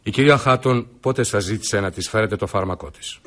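A formal police inspector, acted by a man, leads the questioning in a low, steady voice and cuts off anyone who strays. His commands come short and firm in this old-style radio play. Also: natural voice. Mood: commanding. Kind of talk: radio drama acting.

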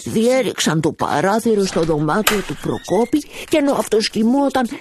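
A woman's voice: mid-range voice, sing-song, noisy background, lightly acted. A woman voicing a lazy, chatty male bookshop cat who narrates the story, playful and meowing.

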